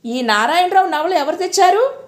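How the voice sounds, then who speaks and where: Woman voicing harsh man of the house, reproachful, thundering, still high-pitched. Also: animated, normal speed. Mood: angry.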